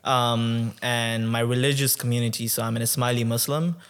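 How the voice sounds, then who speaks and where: Podcast guest, man in his 20s from Tanzania; smooth, even voice, easygoing and thoughtful, lots of "um". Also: medium pitch. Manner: relaxed, many "um"s, measured and reflective. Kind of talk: conversational interview.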